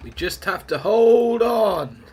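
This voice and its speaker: Congested from a bad cold, this male streamer talks through his gameplay extremely slowly, in a high-sitting, slightly rough voice with a darkish tone and lively intonation. Between battle calls he mutters to himself, laughing a lot and keeping up a chatty, casual commentary.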